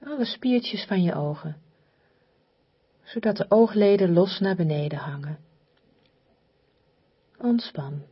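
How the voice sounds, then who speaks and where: Breathy, very slow woman guiding relaxation. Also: medium pitch, animated, dull audio. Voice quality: soft, breathy, often near whisper. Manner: soothing, hypnotic, repetitive, with long pauses. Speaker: relaxation guide. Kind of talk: guided relaxation meditation.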